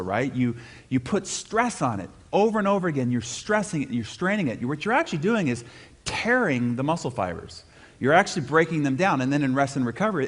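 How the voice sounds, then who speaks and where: A middle-aged man speaking as a motivational speaker at a live seminar, telling stories in an animated, punchy way with self-deprecating humor. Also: medium pitch. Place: stage before a live audience.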